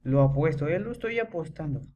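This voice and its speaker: A teenage boy, giving excitable horror gameplay commentary, chanting and yelling when scared. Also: fairly high pitch, fairly quick, lo-fi sound. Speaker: gamer.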